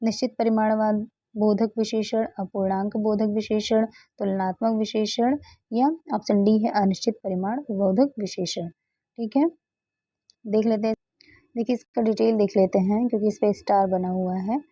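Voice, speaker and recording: A woman tutor works through exam questions, her voice very dark and a little husky. She repeats each key answer patiently before moving to the next. The sound is dry and slightly muffled. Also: mid-range voice, fairly even intonation, moderate pace, dry recording. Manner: frequent "ठीक है" and "okay, next है" fillers.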